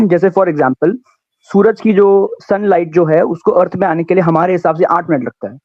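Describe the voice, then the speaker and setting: A man's voice: sits high, normal speed, no room sound. A male caller from India, heard over a call line, who argues earnestly and halts as he searches for words. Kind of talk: call-in debate question. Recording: dull lo-fi call audio, dry.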